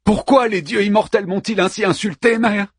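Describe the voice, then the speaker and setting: A man playing a grief-stricken, furious young warrior hero who cries out and pleads, often shouting. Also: high voice, steady tone, normal speed, slightly rough, no echo, clean studio sound, voice pushed up. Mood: anguished.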